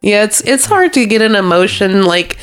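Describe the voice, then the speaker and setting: A woman's voice: medium pitch, very animated, moderate pace, slight background noise. Giggly young woman chatting about movies. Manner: giggly, laughs often while retelling scenes. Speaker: podcast co-host. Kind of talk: casual movie review chat.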